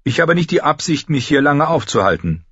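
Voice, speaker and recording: A man voicing a calm, firm young knight, in an audiobook reading. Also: fairly high pitch, a little fast, husky, no room sound, muffled recording, voice pushed up.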